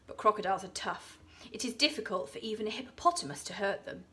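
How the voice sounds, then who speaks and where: An English woman, an infant school teacher, reading a children's story aloud, dropping into hushed whispers for suspense. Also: medium pitch, animated, quick pace, slight background noise.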